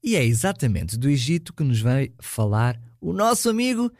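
Animated Portuguese children's co-host, dry sound. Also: mid-range voice, normal speed, dry recording. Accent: European Portuguese. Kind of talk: scripted chatty co-hosting for children.

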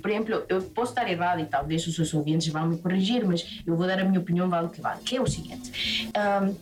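A woman from Peru with a Peruvian Spanish accent, talking in a lively, chatty way as a chef being interviewed. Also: on the low side, quick pace, distant mic, faint music behind. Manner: lively, talkative, restarts often. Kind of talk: casual interview chat.

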